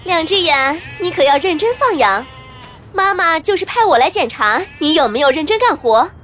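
A woman's voice: extremely high pitch, lively intonation, normal speed, fairly bright tone, faint music behind. A woman doing a smug, tattling three-eyed sister. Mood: bossy. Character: nosy jealous three-eyed girl sister.

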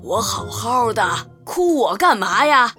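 A woman's voice: on the high side, big pitch swings, pushed and bright, soft background music, pitched below the performer's own voice, heavily acted. A woman playing a fondly scolding old granny. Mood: chiding. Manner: chiding, slow and soothing. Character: older mother, fondly scolding grandma. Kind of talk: children's storybook acting.

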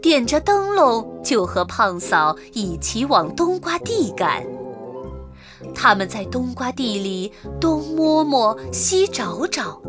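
Children's story narrator, woman; high, lively melody, slow and gentle. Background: children's music.

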